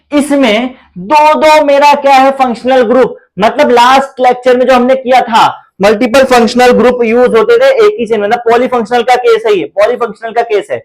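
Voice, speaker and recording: A man's voice: very high voice, rough recording. A man with an Indian accent teaching a chemistry lecture, repeating his questions, answering them himself and counting aloud in a playful chant. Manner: repetitive, asks students questions and answers them. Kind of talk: classroom lecture.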